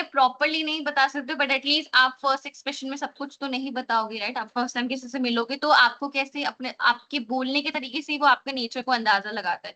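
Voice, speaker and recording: High bright woman teacher trainer. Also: rough recording. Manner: explains in Hindi mixed with English, repeats "theek hai" often; reads definitions slowly from a slide. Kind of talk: online training lecture.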